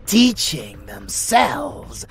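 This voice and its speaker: Heavily acted, with faint music behind, a man plays an unhinged and seductive vampire lover full of swagger for a dark romance audio roleplay. His slightly high voice takes huge pitch swings, slow and theatrical, often dropping into a gravelly whisper, boastful and menacing.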